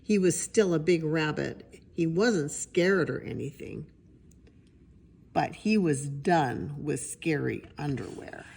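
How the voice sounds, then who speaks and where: A woman's voice: low-pitched, creaky, darkish tone. An older woman with an elderly voice reads a children's picture book aloud, with chatty asides to listeners. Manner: drawn-out, suspenseful phrasing when reading. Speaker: storybook reader. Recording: noticeable background noise.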